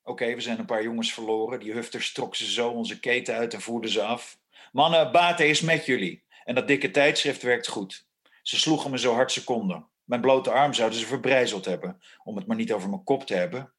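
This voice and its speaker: An actor playing a brash young male football hooligan recounting a street fight in rough slang. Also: medium pitch, a bit bright, lightly acted. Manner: boastful storytelling, rough slang.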